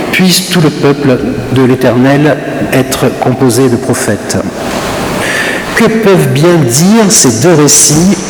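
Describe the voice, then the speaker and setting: A man delivers a solemn Protestant sermon in a fairly high male voice, posing rhetorical questions in literary phrasing. The microphone clips and saturates, with clear noise and the long echo of a church around him. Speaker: Protestant preacher. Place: large reverberant Protestant church. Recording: saturated clipping mic, echoey church, noisy.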